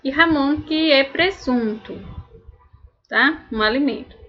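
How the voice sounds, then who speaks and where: A woman's voice: sits high, slow pace, dull audio. A woman teaching a recorded language lesson, patiently explaining and drilling words one at a time. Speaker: Spanish teacher.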